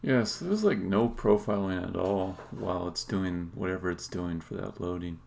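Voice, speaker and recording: A game developer does casual live-coding commentary, muttering haltingly to himself as he thinks aloud. His voice is deep, creaky and a little mellow. Keyboard clicks and faint background noise can be heard.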